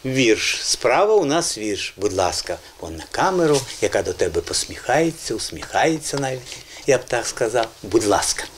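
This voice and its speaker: A male TV host speaks in a teacherly, encouraging way, his pitch rising and falling a great deal as he explains words to children in a studio. His tone is patient and explanatory, and his voice sits at an ordinary middle pitch for a man. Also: sing-song, normal speed, a little hiss or hum. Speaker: children's language show host. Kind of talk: educational TV presenting.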